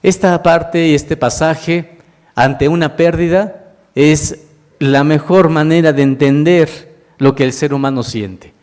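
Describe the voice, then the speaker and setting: A man's voice: fairly high pitch, takes it slowly, darkish tone. A man, preaching a sermon as a minister and asking the congregation questions as he goes. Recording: long hall reverb.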